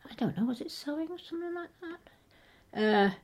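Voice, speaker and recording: A woman's voice: high voice, expressive, moderate pace. An older woman from England reminiscing in casual conversation, hesitant and rambling as she circles back to rephrase. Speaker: interviewee recalling local history.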